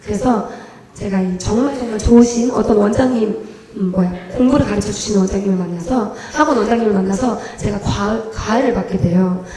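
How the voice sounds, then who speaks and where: A young woman evangelist giving her testimony at a church service, telling the story in an animated way and acting out her own prayers. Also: mid-range voice, a little fast, crowd noise. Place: church sanctuary. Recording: echoey church hall.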